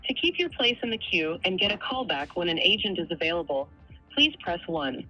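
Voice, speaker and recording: A woman's voice in a recorded phone hold message, reading an automated queue announcement in an even, measured way. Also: lowish voice. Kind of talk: scripted automated phone prompt. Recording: dull lo-fi phone audio with faint hold music.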